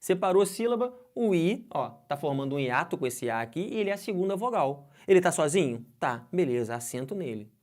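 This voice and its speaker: Lively Brazilian man teaching grammar. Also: on the high side, fairly quick, hardly any pauses. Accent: Brazilian Portuguese. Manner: lively, asks the class questions, stretches out example words. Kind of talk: exam-prep grammar lesson.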